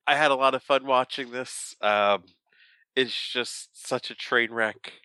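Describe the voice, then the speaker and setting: A man co-hosting a casual movie review podcast, laid-back and quick to laugh with wry asides. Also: mid-range voice, steady tone, pushed and bright, smooth, dry recording. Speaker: podcast co-host.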